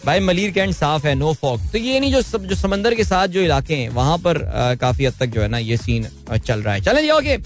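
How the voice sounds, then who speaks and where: A male morning show host with a Pakistani Urdu accent and a slightly high voice. He chats in a breezy, informal way, and faint music plays behind him. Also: sing-song, moderate pace, few pauses. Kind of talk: live morning show chat.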